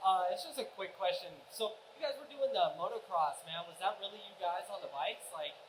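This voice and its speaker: Eager fan asking from a roomy hall. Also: male voice, sits high, a little fast, slight background noise. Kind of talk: audience question. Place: convention hall audience.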